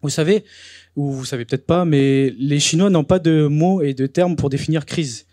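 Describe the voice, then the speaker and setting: A man's voice: a little high, normal speed, dark tone, no echo, studio quality. A young man hosting a talk event, speaking casually with frequent hesitations. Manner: chatty, hesitant, with many fillers. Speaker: event host. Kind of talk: presentation to a live audience.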